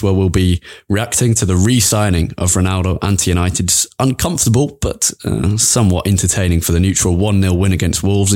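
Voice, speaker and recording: Male podcast host, low-pitched voice, scripted opening monologue. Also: darkish tone.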